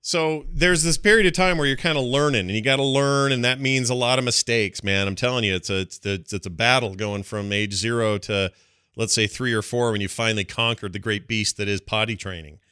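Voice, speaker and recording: A middle-aged man co-hosting a podcast in casual chat, rambling and animated, slipping into little put-on voices as he tells a story. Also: mid-range voice, fairly quick, clean tone, no echo, studio quality. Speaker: podcast co-host.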